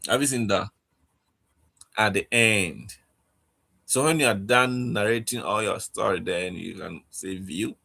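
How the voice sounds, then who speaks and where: A man gives a casual online language lesson at an unhurried, slow pace, his low voice gravelly with fry. He talks in halting bits and keeps checking in with his students. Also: pushed and bright. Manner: halting, repeats "okay?" to check understanding. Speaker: language teacher.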